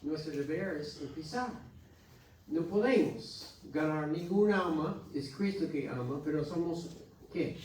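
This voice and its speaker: Teaching Sunday school in a church hall, this American pastor speaks in a somewhat high, animated, slightly mellow male voice. His exhortations are earnest but halting, full of restarts. He's captured from far away in the echoey hall, and a little background noise can be heard.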